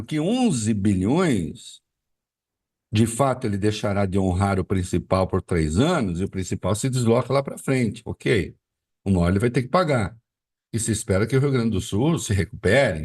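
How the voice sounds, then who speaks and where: A man's voice: mid-range voice, darkish tone, slightly rough, recorded from a distance. A man giving live political commentary, arguing with rhetorical questions and frequent fillers.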